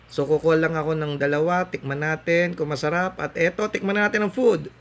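A man's voice: on the high side, steady tone, fairly quick, fairly bright tone. A man in his thirties from the Philippines, narrating a casual food vlog as he tours a buffet restaurant and lists the dishes in an upbeat, tour-guide manner, on a phone held at arm's length. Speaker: food vlogger. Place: large indoor buffet restaurant.

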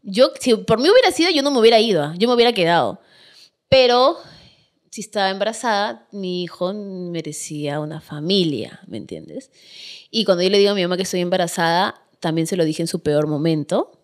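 A woman's voice: on the low side, lively intonation, fairly quick. A Peruvian woman, a guest on a podcast, telling her own story in a casual interview, candid and emphatic.

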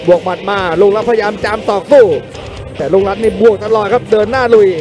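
A man giving excited boxing commentary as the lead commentator, with exclamatory, fired-up calls of the action. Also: high-pitched, fast talker, music in the background.

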